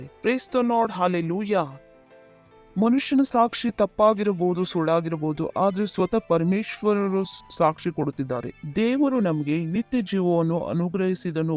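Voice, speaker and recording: A man's voice: high-pitched, a little slow, darkish tone, soft background music. A male pastor preaching a sermon, often calling out "Praise the Lord" and asking the congregation to repeat after him.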